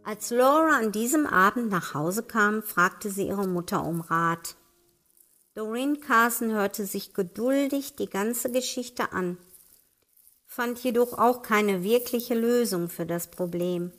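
A woman author reading her own novel aloud in a measured, even way. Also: mid-range voice, faint music behind. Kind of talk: audiobook reading.

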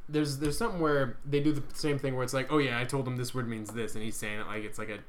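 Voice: mid-range voice, fairly even intonation, fast talker. A speaker in casual, crude banter, explaining things and laughing often. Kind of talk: casual chat.

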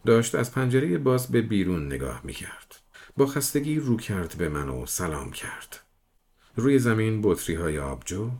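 A man reading a novel aloud in measured first-person storytelling. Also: lowish voice, a little mellow. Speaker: audiobook reader.

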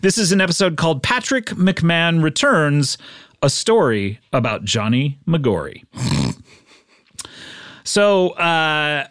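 A man's voice: a little high, very animated, slow pace, long pauses, fairly bright tone, no echo, clean studio sound. A man hosting a comedy podcast, laughing often and teasing his co-host in casual chat. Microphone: studio mic.

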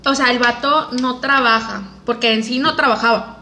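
A woman's voice: fairly high pitch, steady tone, normal speed, pushed and bright, echoey room. A Mexican woman in her twenties telling a personal story in casual chat, full of slang and acted-out dialogue.

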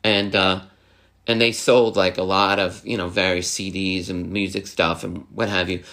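Rambling young man in casual chat. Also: sits low. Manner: rambling and halting, full of restarts and fillers; animated when mimicking others.

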